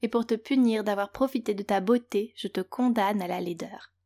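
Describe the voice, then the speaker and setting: A woman's voice: medium pitch, normal speed, dark tone, natural voice. Woman voicing an angry young witch. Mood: furious. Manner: indignant, scolding. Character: angry young witch wife scolding her husband.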